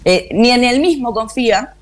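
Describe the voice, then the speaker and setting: Animated Argentine woman radio host. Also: fairly high pitch, normal speed, soft background music. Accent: Argentine Spanish. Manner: animated, slangy, acts out lyrics. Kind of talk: casual radio chat.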